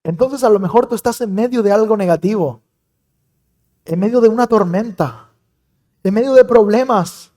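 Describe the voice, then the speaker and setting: A young man preaching a sermon as pastor, emphatic with dramatic swings between loud and soft. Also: sits high, normal speed, long pauses.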